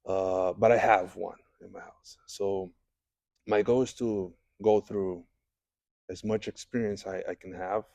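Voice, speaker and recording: A man from Brazil speaks English, his voice low-pitched and warm. He feels his way through each answer, doubling back on words and filling pauses. The studio sound is dry and close. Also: fairly even intonation, gravelly, dry recording. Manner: halting, many restarts and fillers, non-native English. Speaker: jiu-jitsu head instructor, guest. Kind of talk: interview answers. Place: podcast studio.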